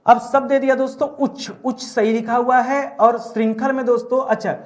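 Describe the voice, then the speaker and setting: A man's voice: very high voice, fairly even intonation, brisk. A male Hindi grammar teacher giving an exam-prep spelling lesson, often asking rhetorical questions and calling his students "friends". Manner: asks rhetorical questions, keeps saying "friends" and "okay"; repeats and drags out key words.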